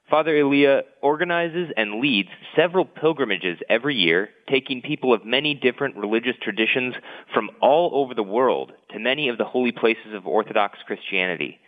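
A man introduces and interviews a guest on a radio program in a plain, friendly manner. His voice is mid-pitched, with a long reverberant tail and a narrow, phone-like sound.

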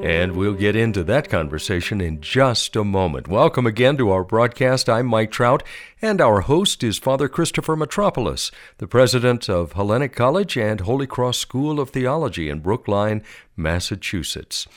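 Lively low-voiced male radio announcer. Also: moderate pace. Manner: smooth, expressive announcer delivery. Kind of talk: scripted broadcast announcing.

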